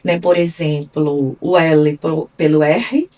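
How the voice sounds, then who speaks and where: A woman from Brazil with a Brazilian Portuguese accent, a speech therapist explaining things in a measured way on a radio interview, often adding tag questions. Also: deep voice, fairly even intonation, warm tone, recorded from a distance. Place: radio studio.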